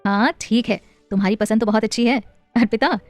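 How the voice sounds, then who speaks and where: A woman voicing a playful, doting young husband and father in an audio story, speaking gently and coaxingly. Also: a little high, a little fast, dry recording, soft background music, lightly acted. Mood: soft.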